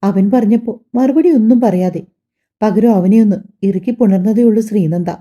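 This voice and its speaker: A woman reading a family drama audiobook aloud, telling the story softly and voicing every character herself. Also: mid-range voice, moderate pace, muffled recording. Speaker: audiobook narrator.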